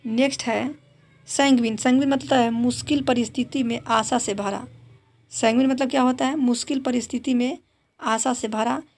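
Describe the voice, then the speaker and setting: A woman's voice: a little high, steady tone, moderate pace, a little mellow. A woman teaching exam vocabulary, explaining each word in Hindi, reading its English definition and repeating it with a drilling question.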